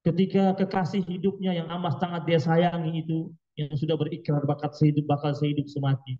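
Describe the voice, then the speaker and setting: A man's voice: a little high, little pitch movement, fairly quick, warm tone, dull audio. A man giving an Islamic sermon at a study gathering, emphatic, full of rhetorical questions and dramatic quoted outbursts. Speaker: preacher.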